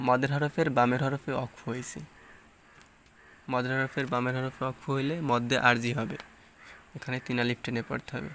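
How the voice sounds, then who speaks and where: A man gives a tajweed lesson in a mid-range, slightly bright voice with little pitch movement, with a little hiss or hum in the background. He explains each Quran recitation rule plainly, asks and answers his own questions, then recites verses slowly and drawn out.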